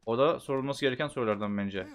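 A man giving casual gameplay commentary, chatting to himself and bursting into loud shouts at the game. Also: medium pitch, fast talker. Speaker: gameplay streamer.

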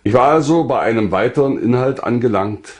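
With a mid-range, slightly mellow voice, a man from Lusatia, eastern Germany, aged sixty or beyond, reads his scripted life story briskly and expressively. He is a writer who used to be a pastor.

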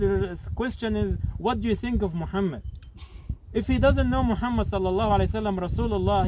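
High-voiced imam preaching at a graveside. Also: male voice, background noise. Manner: earnest, repeats phrases for emphasis, rhetorical questions. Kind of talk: graveside sermon. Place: outdoors at a cemetery, crowd standing around. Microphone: camera a few metres away.

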